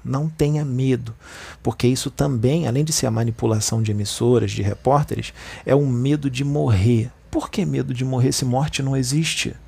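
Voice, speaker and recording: A man's voice: mid-range voice, moderate pace, vocal fry, dark tone, slightly rough. A man with a Brazilian Portuguese accent giving an informal spiritual talk, conversational and constantly checking in with his listeners. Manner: conversational, tags lines with "né" and "tá", addresses listeners as "gente". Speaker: spiritual speaker.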